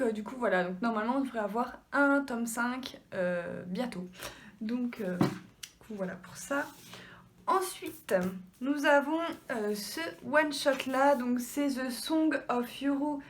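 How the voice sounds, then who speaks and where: A young woman talks her way through a home manga unboxing in a loose, filler-heavy ramble. Her voice sits a little high, and she is frank and informal, with the odd swear word. Faint hiss and small clicks sit under the recording. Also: slow pace. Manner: chatty, many fillers like euh and du coup. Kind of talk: casual haul video chat. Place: home room.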